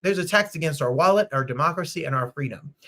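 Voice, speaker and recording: A man's voice: on the high side, lively intonation, fast talker, sharp tone. Upbeat Midwestern man hosting a livestream. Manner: upbeat, chatty, greets viewers by name. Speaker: host. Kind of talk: casual livestream chat. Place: home.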